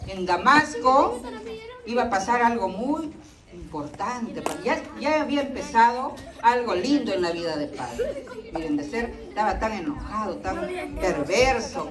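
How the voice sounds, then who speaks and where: A woman tells a story to a group, slowly and a little high, stopping often to quiz her listeners. She sounds distant in an echoey room. A crowd is audible behind her. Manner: asks listeners questions.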